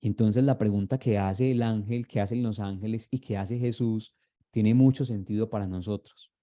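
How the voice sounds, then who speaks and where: A man's voice: lowish voice, steady tone, moderate pace, warm tone. A man, preaching a sermon as a pastor, earnest and repeating his words as he fires rhetorical questions at the congregation.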